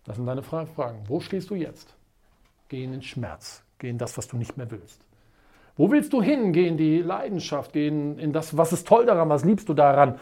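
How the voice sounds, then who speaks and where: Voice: medium pitch, normal speed. A motivational coach teaching at a whiteboard, talking emphatically, repeating rhetorical questions and telling stories dramatically. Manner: tells stories in a lively, dramatic way. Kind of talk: motivational video lesson at a whiteboard.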